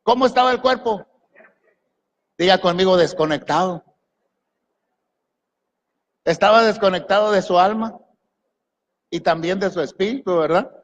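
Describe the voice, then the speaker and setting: In a large church hall whose long echo fills the lo-fi recording, a male pastor preaches in a high-pitched voice. He speaks at a moderate pace with frequent pauses, questioning and commanding the congregation.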